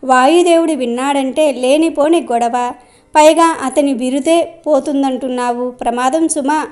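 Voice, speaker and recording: A woman's voice: high voice, unhurried, a little mellow. A woman voicing a sly old sage. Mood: coaxing. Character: wandering old male sage, sly flatterer.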